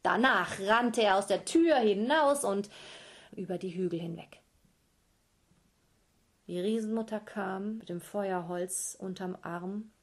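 Slow, lively woman storyteller. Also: medium pitch. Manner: lively, addresses listeners directly. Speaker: storyteller for children. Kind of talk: storytelling to children.

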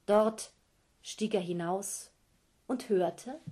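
Slow, lively woman storyteller. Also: medium pitch. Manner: lively, addresses listeners directly. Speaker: storyteller for children. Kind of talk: storytelling to children.

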